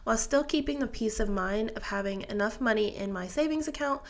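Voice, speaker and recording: A woman in her 20s, congested with a sinus infection, gives a casual explanation of her finances to camera as a personal finance vlogger. Her voice runs high and brisk, and she is chatty and methodical, often using fillers and restarting.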